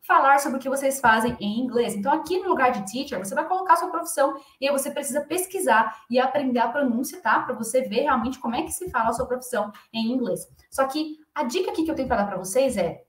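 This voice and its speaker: A woman's voice: high-pitched, animated, fast, hardly any pauses, a bit bright, roomy sound. A woman with a Brazilian Portuguese accent, an English teacher explaining phrases in a chatty way that keeps checking in with the learners.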